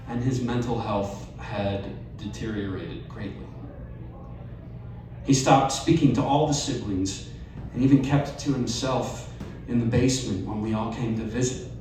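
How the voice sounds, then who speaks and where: At a live storytelling night in a bar or event venue, a man reads a personal essay to an audience in a slow, measured way with wry asides. His medium-pitched, dark voice sits far from the mic in a very echoey room, with faint ambience and a little hiss or hum.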